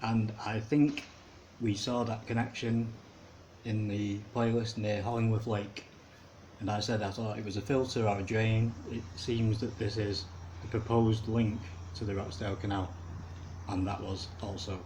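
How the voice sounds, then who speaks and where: A man's voice: on the low side, little pitch movement, unhurried, a little mellow, slight background noise, rough recording. A man, giving rambling, casual commentary as he walks along a city canal. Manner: rambling, chuckling asides. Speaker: canal walk video maker.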